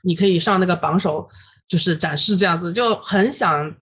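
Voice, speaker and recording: A woman in her thirties, a guest illustrator on a podcast, recounting her story in an animated way with many fillers and English words dropped in. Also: on the low side, normal speed, slight background noise. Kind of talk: casual podcast interview.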